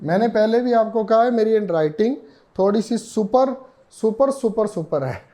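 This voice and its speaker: A male teacher with a high-sitting, warm, expressive voice slowly explains a reasoning lesson. He repeats himself and asks questions that he then answers.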